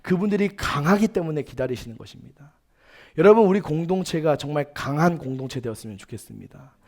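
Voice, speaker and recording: 열정적으로 설교하는 젊은 남성 전도사. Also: male voice, a little high, expressive, quick pace, darkish tone. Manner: earnest, emphatic, with personal stories and quoted dialogue. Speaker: youth pastor. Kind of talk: sermon. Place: church sanctuary.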